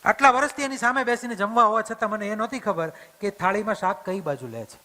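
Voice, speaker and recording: Male motivational speaker, high bright voice, tells homely stories, long hall reverb. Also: quick pace. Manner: acts out family dialogue in plain voice. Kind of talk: storytelling talk to an audience. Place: community hall event. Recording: hall reverb, stage mic.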